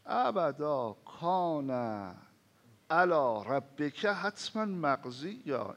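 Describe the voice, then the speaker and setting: Dramatic preacher man, loud then hushed. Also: a little high. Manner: recites Arabic scripture in a slow chanting cadence, then explains it. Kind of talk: sermon.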